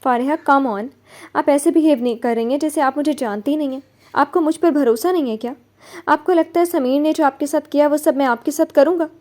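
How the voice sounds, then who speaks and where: A woman's voice: high-pitched, fairly quick, darkish tone, pitched above the performer's own voice, natural voice. A woman voicing a bold, stubborn young man in love, teasing and sure of himself, as she reads a novel aloud. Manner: playful and stubborn. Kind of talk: novel reading.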